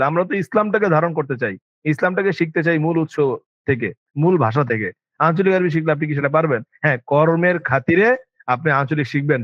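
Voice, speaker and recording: A man's voice: a little high, no room sound. Emphatic Bangladeshi man teaching, lo-fi. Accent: Bangladeshi Bengali. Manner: emphatic, asks listeners rhetorical questions. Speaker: Arabic language teacher. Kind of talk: informal lecture to students. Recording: dull lo-fi dry sound.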